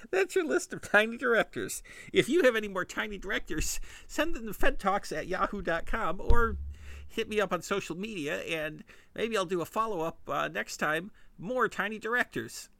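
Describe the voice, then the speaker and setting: A Midwestern man rambling through a comedic monologue, cracking himself up at his own wordplay. His voice is bright and gravelly, and it sounds close and dry, with no room around it. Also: high voice, animated, normal speed, no echo. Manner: giggly, self-amused punning. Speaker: podcast host.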